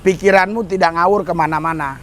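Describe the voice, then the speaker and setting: A man's voice: on the high side, fairly even intonation, fast, fairly bright tone, a little hiss or hum. A man preaching a sermon to a congregation outdoors under a bridge, exhorting them and calling for their amens and hallelujahs. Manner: exhorting, calls for amen and hallelujah, addresses the crowd as "saudara".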